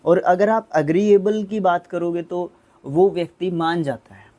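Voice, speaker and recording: A man teaching English vocabulary in an online lesson, explaining slowly, spelling words out and correcting himself aloud. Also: high voice, warm tone.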